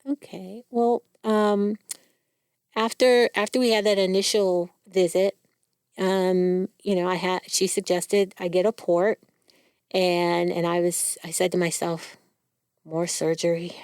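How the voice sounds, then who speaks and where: A woman with a slightly low voice tells her story in a candid, animated way and acts out the voices of the people in it. The sound is dry and close, with no room around her. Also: a little slow, clear, resonant tone, no room sound. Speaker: cancer survivor guest. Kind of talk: personal storytelling in a podcast.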